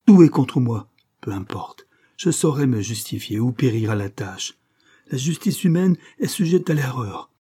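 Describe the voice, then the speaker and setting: A man's voice: lowish voice, steady tone, moderate pace, hardly any pauses, dark tone, slightly rough. A man voicing a desperate young man accused of theft, speaking in impassioned, pleading outbursts.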